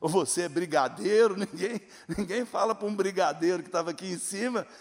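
A man's voice: high voice, a little fast, big-room sound. An older man preaching a sermon, telling stories and acting out the voices of people in them with emphatic delivery. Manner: emphatic, acts out quoted voices in dialogue. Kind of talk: sermon with storytelling.

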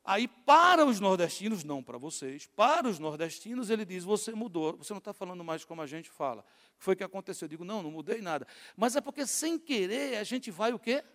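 A Northeastern Brazilian pastor in his fifties preaches to his congregation and keeps throwing questions for them to answer. His voice sits high for a man. The sound carries the long reverb of a church hall. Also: very animated, a little fast, fairly bright tone. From Natal, Northeast Brazil. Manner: rhetorical questions, call-and-response with congregation. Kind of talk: sermon. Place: church sanctuary.

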